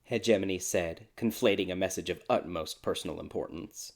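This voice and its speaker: A man narrating a dark fairy tale in a measured, even storytelling manner. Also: sits low.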